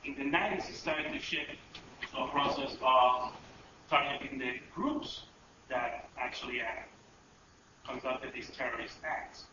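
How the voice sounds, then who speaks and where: A man hoarse and raspy from a heavy cold gives measured, halting remarks as a speaker on a panel. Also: mid-range voice, fairly even intonation. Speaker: panel speaker, policy advisor. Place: echoey indoor event room. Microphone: distant microphone. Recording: distant, very echoey, dull, noisy room recording.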